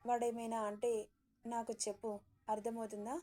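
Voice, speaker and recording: A woman voicing a bossy, chatty middle-aged mother-in-law who scolds with brisk questions. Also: a little high, level tone, mellow, natural voice.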